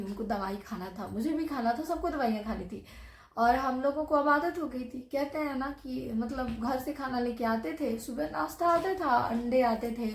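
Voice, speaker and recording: A woman's voice: fairly high pitch, roomy sound, a little hiss or hum. A young woman vlogger telling a personal story in a casual, chatty way, with many asides.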